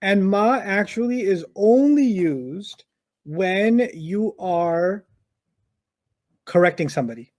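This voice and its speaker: Man, fairly high voice, patient Arabic grammar teacher, repeats key points, acts out little arguments. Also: expressive, slow, a little mellow. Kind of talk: one-on-one grammar lesson.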